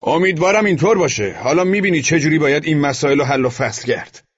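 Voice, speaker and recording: A man voicing a loud, brash, bullying male neighbor who shouts and mocks, in an audiobook reading. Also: on the high side, husky, lo-fi sound, voice pushed up. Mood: mocking. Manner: shouting, mocking, overbearing.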